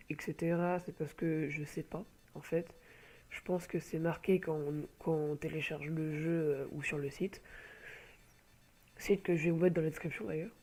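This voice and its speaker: Recorded on a home computer mic, this man has a cold and talks hesitantly over gameplay while showing off an online game. His pitch is fairly high with a slightly mellow quality, and his casual chatter wanders, full of filler noises.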